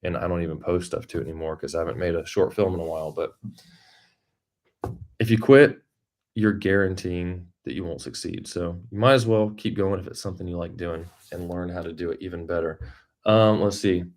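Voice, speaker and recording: A man with a low-pitched voice hosts an informal livestream. He talks off the cuff, rambling a little and thinking out loud as he addresses his viewers. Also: fairly even intonation, fast talker. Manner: rambling, thinking aloud while reading the chat. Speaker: YouTube creator hosting a livestream. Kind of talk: casual unscripted livestream chat.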